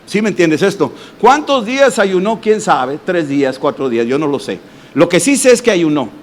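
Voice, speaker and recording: A man, a pastor, preaching a sermon and telling personal testimonies in an animated way with acted voices and sound effects. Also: high-pitched, moderate pace. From Mexico. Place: church congress hall.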